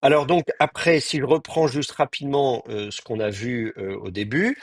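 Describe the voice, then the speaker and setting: A man teaching an online Hebrew class, talking in a halting way with many fillers and restarts, and sounding out Hebrew words slowly. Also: mid-range voice, no room sound, studio quality.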